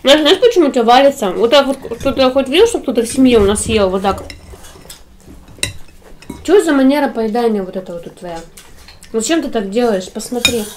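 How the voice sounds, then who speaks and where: Woman, 30s, fairly high voice, casual family mukbang table talk, dishes clinking faintly behind. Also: lively intonation, brisk, pauses often, a little mellow, slight background noise. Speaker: mother in a family mukbang vlog. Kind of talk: casual mealtime chat, mukbang. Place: small indoor room at a dining table. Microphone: camera across the table.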